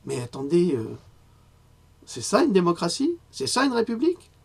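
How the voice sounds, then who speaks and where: A man giving a spoken press review, indignant and hesitant, often pausing on fillers before rising to outrage. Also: sits high, huge pitch swings, creaky, darkish tone, husky. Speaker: independent press commentator.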